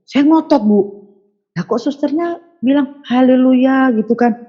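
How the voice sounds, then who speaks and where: A woman tells her own story as an interview guest, acting out the voices of the people she quotes with big jumps in pitch. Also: unhurried, husky, highs cut off. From Sundanese region of West Java, Indonesia. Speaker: guest giving a testimony. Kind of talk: animated personal storytelling.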